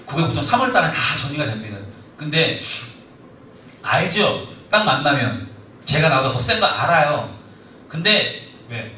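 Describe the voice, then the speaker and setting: Man preaching, high-ish bright voice, acts out quotes, booming echo, mic far off. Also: slight background noise. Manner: animated storytelling, acts out quoted lines. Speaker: preacher at a discipleship school. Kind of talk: sermon. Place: church hall. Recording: echoey hall, mic from afar.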